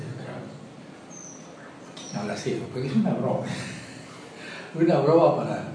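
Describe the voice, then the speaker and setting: A man lecturing a class in a loose, chatty way, often asking "¿no?" and laughing at his own jokes. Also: mid-range voice. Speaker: teacher of Sanskrit and language. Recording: echoey room, voice from far off, noise.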